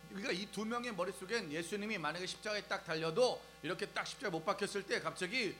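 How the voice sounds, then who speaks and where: A man preaching a lively sermon to young people, asking the crowd questions and acting out scenes as he goes. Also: high voice, fast talker, rough recording. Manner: animated, asks the crowd questions and acts out scenes. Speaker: preacher at a youth service. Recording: faint music and mains hum behind.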